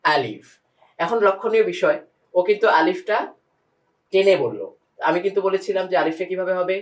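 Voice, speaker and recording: A man with a high, brisk voice leads a step-by-step Quran reading pronunciation lesson, patiently repeating each letter sound. He speaks directly to a student and to the viewers, and the roomy recording makes him sound distant.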